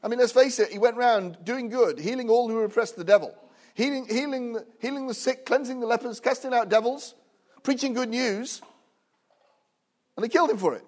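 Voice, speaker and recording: A guest preacher in his fifties gives a sermon in a small church, a little fast, with jovial asides. He grows animated, rising loud and high when preaching, then turns hushed and soft in prayer. It's captured on his own recorder with no microphone.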